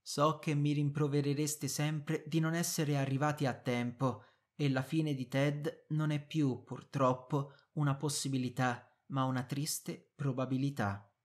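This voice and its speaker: A man's voice: mid-range voice, little pitch movement, unhurried, lightly acted. Guy reading a sorry-sounding friend's letter, earnest, audiobook. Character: sympathetic male friend writing a letter.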